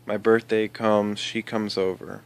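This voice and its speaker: A man with a lowish, fairly flat voice talks through a story from his own life. He rambles and restarts a lot, filling the gaps with "you know" and "I was like." It sounds like loose, unscripted vlog talk. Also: unhurried, vocal fry, slight background noise. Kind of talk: casual personal storytelling.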